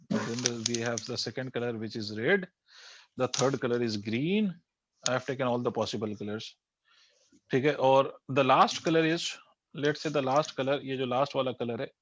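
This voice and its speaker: A man's voice: mid-range voice, fairly bright tone, slight background noise. Man, physics teacher, hindi-english lecture, quizzes the class, dull lo-fi sound. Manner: quizzes students, repeats key terms. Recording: dull lo-fi dry recording.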